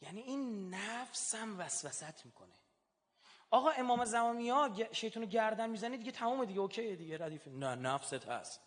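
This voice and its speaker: A man delivers a religious lecture, swinging from hushed asides to fervent, emphatic bursts. His voice sits high and sounds bright and forceful. The sound rings with the long reverb of a large hall. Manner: animated, shifts between hushed and emphatic.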